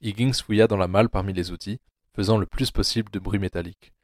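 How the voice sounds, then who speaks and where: A man reads a dark audio novel adaptation in a very low voice. His delivery is measured and grim, and the recording is dry and close with no room sound. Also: fairly even intonation, dry recording. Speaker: narrator. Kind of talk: scripted audiobook narration.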